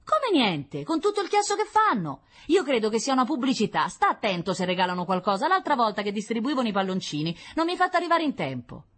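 A woman's voice: a little high, very animated, fast talker, few pauses, fairly bright tone, pitched above the performer's own voice. A woman reading a storybook aloud and voicing a fussy, chatty little girl with a whiny, bossy manner.

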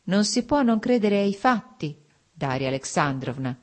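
A woman's voice: mid-range voice, animated, moderate pace, darkish tone, voice pushed up, close to an everyday voice. A woman reading the part of a cold, formal husband in an audiobook, speaking in a restrained, clipped way. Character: cold, stiff, wounded older husband.

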